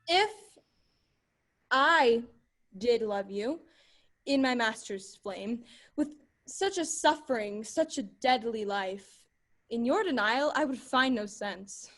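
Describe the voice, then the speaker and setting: A woman's voice: fairly high pitch, animated, slow, pauses often, fairly bright tone, full character voice. A woman acting a young woman disguised as a page, speaking Shakespearean verse with earnest passion. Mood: impassioned. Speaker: actor.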